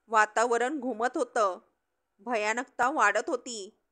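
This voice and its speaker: A woman narrating a dramatic story in a slow, deliberate storytelling manner. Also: on the high side, fairly bright tone.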